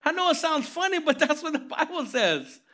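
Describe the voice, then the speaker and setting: A man preaching a lively, conversational sermon as pastor, telling stories animatedly and calling for amens. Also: very high voice, moderate pace. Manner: animated storytelling, calls for amens.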